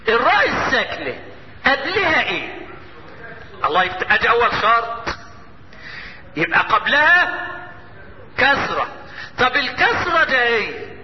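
A man with an Egyptian Arabic accent teaching Quran recitation rules, quizzing his students and answering his own questions, and chanting verses slowly. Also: very high voice. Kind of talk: lesson. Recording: echoey hall, muffled lo-fi, faint hiss.

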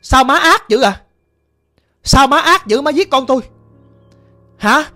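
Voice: lively intonation, a little slow, sharp tone, heavily acted. A storyteller voicing a vengeful young female ghost who wails accusations, with a Southern Vietnamese accent, over faint music. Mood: accusing. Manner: shrill accusing wail. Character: vengeful ghost daughter, young woman, wailing.

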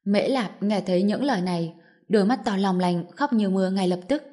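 A woman's voice: medium pitch, a little fast, dark tone. Woman narrating a dramatic audiobook.

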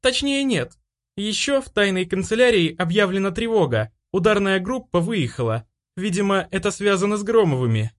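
Audiobook: man voicing an urgent young maid, pitched high. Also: very animated, normal speed. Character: young woman servant, hurried messenger.

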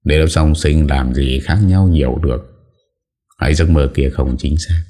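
Man voicing a young man, reserved, musing inner thoughts, dark deep voice. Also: unhurried. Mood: puzzled. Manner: inward, musing.

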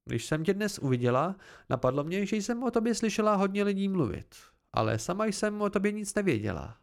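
A man reading an audiobook, voicing a gentle, curious young woman warrior in a soft, earnest, lightly raised voice. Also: high-pitched, sing-song, creaky, pitched above the performer's own voice, exaggerated voice.

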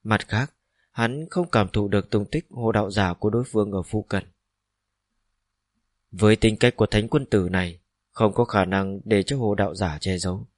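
A man narrating a fantasy novel as a steady, even audiobook reading. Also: fairly low pitch, normal speed, no echo, clean studio sound.

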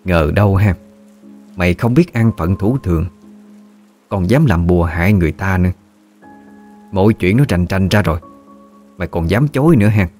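Narrator voices a haughty senior wife in a storybook tale: commanding, scornful. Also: male voice, low-pitched, expressive, moderate pace, pauses often, a little mellow, faint music behind. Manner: mocking, commanding.

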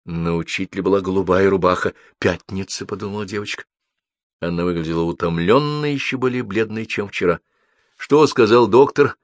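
A man narrating a story aloud in an expressive, theatrical manner. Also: sits low, fast, no room sound. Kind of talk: audiobook story reading.

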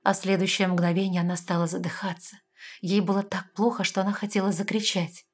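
A woman narrating a fantasy audiobook in a steady, expressive voice. Her pitch sits in the middle of the usual range for women. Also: brisk, slightly rough.

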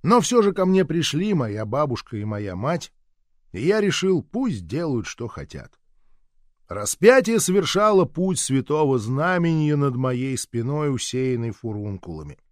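A man's voice: mid-range voice, sing-song, measured pace, a little mellow, no room sound. Sardonic male audiobook narrator, dry. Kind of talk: scripted narration.

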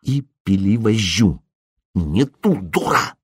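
A man voicing a menacing male bounty hunter who hisses his orders quietly through barely moving lips. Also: lowish voice, lively intonation, slow pace, slightly rough, dry recording, clean studio sound, heavily acted. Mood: urgent.

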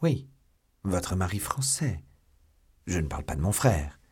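A man reading an audiobook, voicing a stern, sardonic English baron in a measured tone. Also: low-pitched, sing-song, a little mellow, slight background noise. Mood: mocking. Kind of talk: audiobook character voice.

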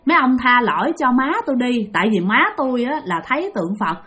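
A frightened middle-aged mother, as a woman narrator puts her on, begging and pleading in a Southern Vietnamese accent. Her voice sits a little high and anxious. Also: animated, fast talker, bright, forceful tone.

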